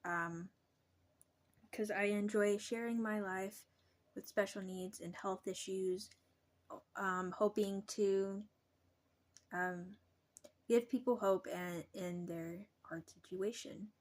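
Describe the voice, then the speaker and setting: A young adult woman talking casually to her vlog viewers, halting and pausing often mid-sentence. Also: mid-range voice, fairly even intonation. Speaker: vlogger.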